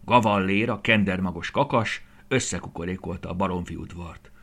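A man reading a children's story aloud in an expressive way, sometimes dropping to a soft whisper. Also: low voice, vocal fry.

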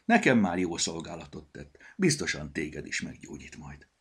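A man voicing a lively, boastful squirrel in a children's audiobook, chirpy and quick. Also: a bass voice, slightly rough, heavily acted. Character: lively show-off cheeky squirrel.

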